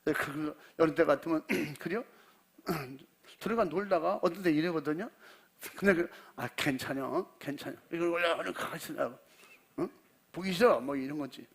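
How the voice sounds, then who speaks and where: An older man preaching a sermon, telling a folksy personal story and acting out the dialogue, clearing his throat often. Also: a little high, moderate pace. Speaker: pastor.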